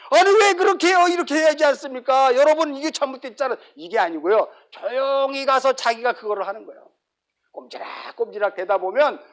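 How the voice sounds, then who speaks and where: High-voiced man preaching with lively swings. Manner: lively, acts out everyday quotes, sudden drops to soft asides. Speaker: pastor. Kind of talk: sermon.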